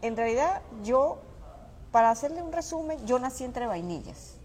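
A small business owner from Mérida, Venezuela, shares personal stories as a guest in a casual interview. Her voice sits high with a sing-song quality, a darkish tone and normal speed, and faint restaurant noise can be heard around her.

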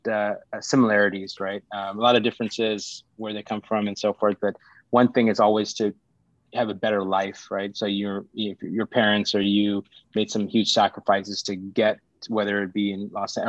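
A middle-aged man born in Sri Lanka, a startup founder talking as a podcast guest, pausing and restarting often. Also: on the low side, dry recording, lo-fi sound. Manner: halting, many restarts and fillers. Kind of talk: casual interview talk.

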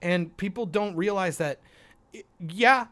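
A man's voice: high voice, measured pace, bright, forceful tone. A man in a casual, opinionated chat, speaking emphatically and swearing heavily.

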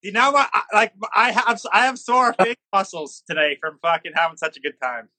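A man's voice: high voice, a little fast, pushed and bright, no echo. A man co-hosting a live stream, joking bluntly and swearing often in casual banter.

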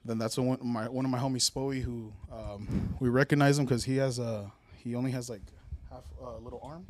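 A man's voice: medium pitch, fairly even intonation, brisk, no room sound. A young man telling stories casually in slangy, profanity-heavy street talk. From Anaheim, California. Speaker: rap crew member being interviewed. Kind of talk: casual storytelling.

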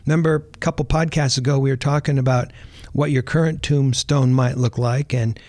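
A man hosting a podcast, talking in a relaxed, chatty way and often repeating words as he thinks. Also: mid-range voice, brisk, no room sound. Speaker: podcast host. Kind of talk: casual podcast talk.

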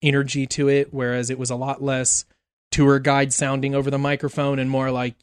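A man guesting on a podcast, telling lively stories in casual chat. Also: mid-range voice, brisk, clean tone, no echo, studio quality. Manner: animated storyteller.

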